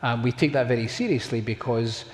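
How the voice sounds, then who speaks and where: A man with a broad Scottish accent, speaking in measured phrases as an investor being interviewed on stage. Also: mid-range voice. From Scotland. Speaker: guest investor, fund manager. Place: conference hall with microphone. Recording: echoey hall, background noise.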